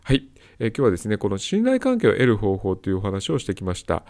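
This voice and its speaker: A man's voice: fairly low pitch, wildly swooping pitch, fast talker, a little mellow. A man hosting a solo advice talk, explaining step by step and repeating his key points. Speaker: host of a self-help audio talk.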